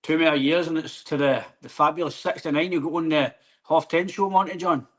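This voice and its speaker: A Scottish man in his thirties co-hosting a podcast, easygoing and quick to laugh in casual banter. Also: fairly high pitch, steady tone, fairly bright tone. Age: 30s. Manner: easygoing, laughs often between quips. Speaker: podcast co-host. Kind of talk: casual chat.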